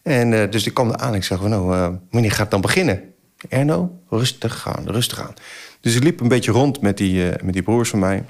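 A man in his forties, a podcast guest, telling a story in a casual, animated way, acting out his own past exclamations with plenty of filler sounds. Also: on the low side, fast talker, few pauses.

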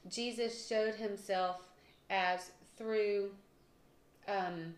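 A woman, co-hosting a casual Bible discussion, chatty and quick to laugh at herself. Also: medium pitch, steady tone. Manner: chatty, laughs often, self-deprecating. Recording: echoey room with faint noise.

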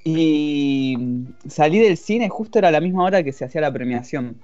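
A man's voice: fairly high pitch, expressive, moderate pace, darkish tone, no room sound. A man with an Argentine accent, a guest on a casual podcast, talking in a laid-back, jokey way. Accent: Argentine Spanish. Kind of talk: casual chat. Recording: dull lo-fi dry audio, faint music.

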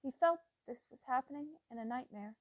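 A woman reading a novel aloud as an audiobook narrator, in a measured, deliberate way. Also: sits high, expressive, dry recording. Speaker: audiobook reader.

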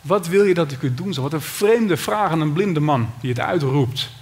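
A man's voice: on the high side, lively intonation, moderate pace. A man with a Dutch accent preaching a sermon, reading scripture and retelling it with dramatic cries. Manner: dramatic, shouts out the beggar's cry.

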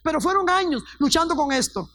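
A high-voiced, middle-aged woman pastor preaches her testimony with fervor. She acts out the people in her stories as she goes. The sound is dry and close. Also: lively intonation, a little fast, a bit bright, no room sound. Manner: fervent storytelling, acts out quoted voices. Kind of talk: testimony sermon.

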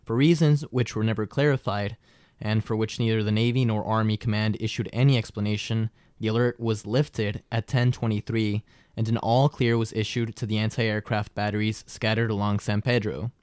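A smooth, fairly deep American man tells stories as a podcast host. He is wordy and drifts into casual asides, with a dry, close sound. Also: fairly even intonation, normal speed, darkish tone, dry recording.

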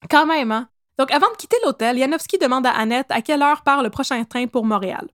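Québécoise woman telling history on a podcast, lively and jokey, high voice, dry close sound. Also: fast talker, no room sound. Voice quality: animated, jokey, laughs often. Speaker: podcast host, storyteller. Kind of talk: casual history storytelling.

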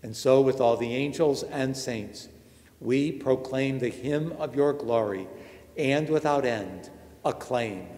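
A man, a priest, reciting the prayers of Mass in a measured, solemn way, his voice ringing with a cathedral echo. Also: mid-range voice, a little mellow. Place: large church. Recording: long cathedral reverb.

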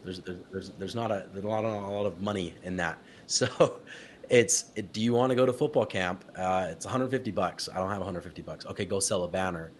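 Low-voiced man telling stories animatedly. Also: a little fast, slight background noise. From Utah. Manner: animated, laughs often, acts out quotes. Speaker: guest, company founder. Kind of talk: casual interview storytelling.

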